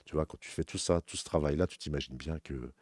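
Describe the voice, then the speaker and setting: A man talking rapidly and informally as a crypto trading analyst, walking the viewer through charts in a rambling, self-correcting way. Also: very deep voice, a little mellow, dry recording, clean studio sound. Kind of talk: casual chart walkthrough addressing viewer as tu.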